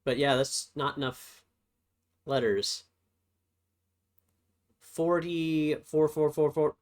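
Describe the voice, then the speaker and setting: A man's voice: a little high, slow pace. A man giving casual let's-play commentary, playful and thinking aloud as he works through puzzles. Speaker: game streamer.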